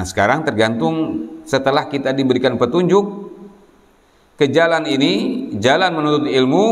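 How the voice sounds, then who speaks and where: Giving a sermon to his students, an Islamic boarding school preacher from Indonesia uses a fairly high-pitched voice. His approach is didactic: he asks rhetorical questions and prompts listeners to answer. The recording carries long reverb from the echoey hall he's in.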